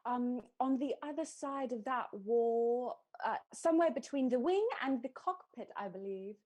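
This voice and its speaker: A woman's voice: fairly high pitch, animated, normal speed, a little mellow. A woman playing a polite, formal island housekeeper who hesitates with many ums.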